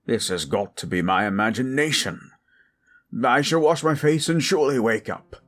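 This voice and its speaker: A man's voice: mid-range voice, moderate pace, fairly bright tone, lightly acted. A man voicing a fussy, self-important well-off businessman in a horror story, formal and pompous. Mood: self-reassuring. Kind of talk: acted dialogue in horror storytelling.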